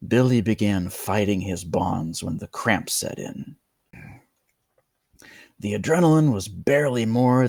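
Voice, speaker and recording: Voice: low voice, creaky, darkish tone, dry recording. A narrator telling a scripted creepypasta horror story in a theatrical, dramatic manner.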